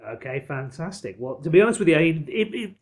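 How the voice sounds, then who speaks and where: Fast and sing-song, this man's fairly high, darkish voice carries his film podcast. As host, he builds an argument about films emphatically and discursively, adding qualifications along the way.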